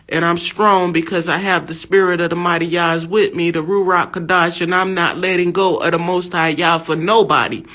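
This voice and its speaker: An American woman in her fifties delivers a fervent religious testimony as a preaching monologue, emphatic and exhortative, repeating her phrases. Her voice is on the low side with a fairly bright tone.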